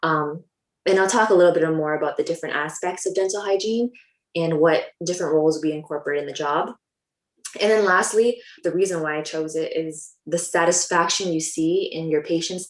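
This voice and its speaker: A young Canadian woman who works as a dental hygienist talks casually to a live audience in an echoey room. Her voice is deep and a little fast, and she's chatty and upbeat with lots of ums.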